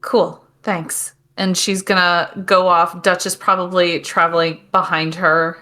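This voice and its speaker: A woman's voice: fairly low pitch, little pitch movement, measured pace, sharp tone, soft background music. A woman casually describing her character's actions as a player in a tabletop role-playing game.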